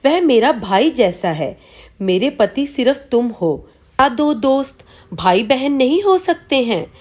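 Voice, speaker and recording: A woman reading the part of a gentle, loving young wife who speaks softly and pleads. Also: high voice, sing-song, unhurried, full character voice. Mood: affectionate.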